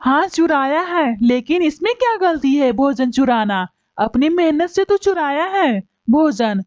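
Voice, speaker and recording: A woman's voice: high voice, lively intonation, unhurried, a little mellow, no echo. Woman voicing a lazy grumpy male bird. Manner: grumbling, whiny. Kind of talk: cartoon voice acting. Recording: dull lo-fi recording.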